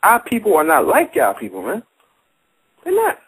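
A young man with a St. Louis accent argues with brash, profane swagger. His voice is husky and sits a bit high, recorded close and dry. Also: huge pitch swings, fairly quick, fairly bright tone, no room sound, low-quality recording. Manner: brash, boastful, profane, argumentative. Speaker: battle rapper. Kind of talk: heated casual debate.

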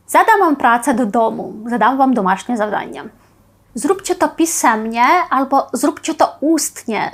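A woman teaching a Polish vocabulary lesson, saying each phrase and then giving its Ukrainian equivalent, with slow, careful enunciation. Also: sits high.

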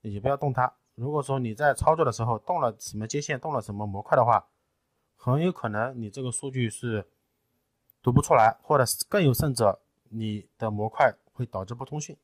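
A man in a technical tutorial, explaining each step patiently and often pausing with fillers. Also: mid-range voice, no echo. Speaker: tutorial presenter. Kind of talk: screen-recorded technical tutorial.

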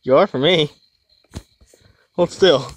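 A man hosting a gaming channel, giving casual co-op play commentary with goofy, excitable chatter and crude jokes. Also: a little high, takes it slowly, no echo.

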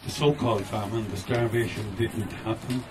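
A man's voice: fairly low pitch, fairly even intonation, moderate pace. A man giving an earnest, emphatic talk to a crowd outdoors on a walking tour. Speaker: tour speaker. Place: outdoors in a city street. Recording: distant outdoor recording with street noise.

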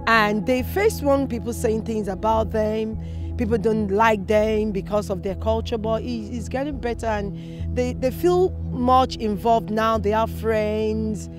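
A woman's voice: on the high side, fairly even intonation, unhurried, music in the background. A woman and parent speaking in a documentary interview, conversational and loosely phrased.

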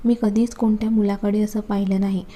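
A woman's voice: medium pitch, little pitch movement, fairly quick, mellow, close to an everyday voice. A woman voicing an innocent young wife who pleads affectionately with her husband in a storybook reading. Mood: pleading.

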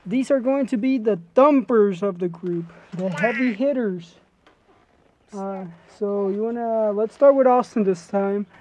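A man hosting a casual range day with friends, relaxed and joking as he directs the group. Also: high voice, unhurried, a little hiss or hum, low-quality recording. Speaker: host at a shooting range. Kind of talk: casual chat.

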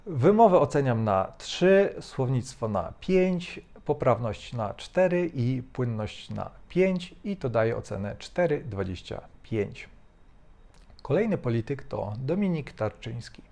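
A man hosting, critiquing spoken English in measured commentary with frequent hesitations. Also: mid-range voice, big pitch swings, gravelly, mellow. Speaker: host. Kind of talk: language-coach commentary.

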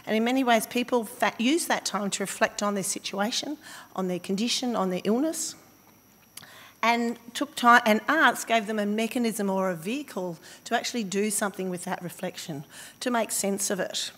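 Speaking at a conference, this Australian woman delivers an academic talk in an echoing hall. Her voice sits mid-range with a fairly bright tone and a slight croak, and she pauses to think, using fillers and starting sentences over.

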